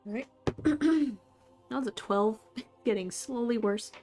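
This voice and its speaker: A woman's voice: fairly high pitch, slow, warm tone, soft background music. A woman player in a tabletop game, asking casual, tentative questions.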